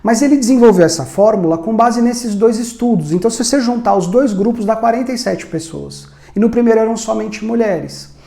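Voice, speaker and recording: A man gives a conversational lesson, asking rhetorical questions as he goes. His voice is mellow and warm. The recording is roomy, with a noticeable echo. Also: sits high, fairly quick, gravelly, hardly any pauses. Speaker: communication instructor. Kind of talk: educational explainer video.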